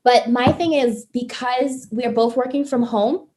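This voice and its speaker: A woman interviewing in a casual, conversational way, reacting in an animated manner to what she hears. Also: fairly high pitch, a little slow.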